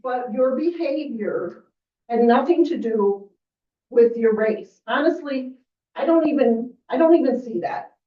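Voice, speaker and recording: A woman's voice: a little high, lively intonation, a little slow, far from the mic. Earnest woman staffer, off-mic in a roomy hall. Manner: earnest, firm, upset. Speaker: village staff member. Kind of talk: public meeting statement. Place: village board meeting room. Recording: roomy, off-mic, dull meeting audio.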